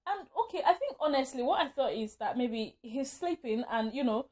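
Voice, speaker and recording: A woman tells a story to her vlog camera in a loose, rambling way. She stops to correct herself and breaks into nervous laughs. Her voice sits a little high. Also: lively intonation, moderate pace, darkish tone. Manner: rambling, self-correcting, laughs often while telling. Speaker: vlogger.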